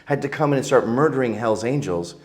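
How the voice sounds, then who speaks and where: A man's voice: medium pitch, lively intonation, brisk, a little mellow. A middle-aged man, telling stories as an interview guest in a crude, joking, provocative way. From Canada. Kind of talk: casual interview storytelling.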